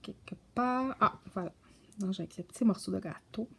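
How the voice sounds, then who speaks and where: A woman casually showing her coloring books, soft-spoken and stumbling over English titles. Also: mid-range voice, normal speed, creaky, husky. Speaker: coloring book vlogger. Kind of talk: casual show-and-tell chat.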